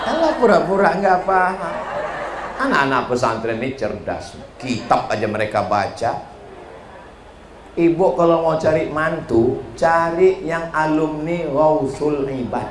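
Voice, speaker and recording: A middle-aged man gives a sermon full of jokes and acted-out dialogue. His voice sits fairly high and moves slowly and deliberately, and it echoes in a large hall with faint ambience behind it. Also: noisy background. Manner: storytelling with jokes, acting out dialogue, wide swings in pitch. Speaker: preacher. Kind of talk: humorous sermon.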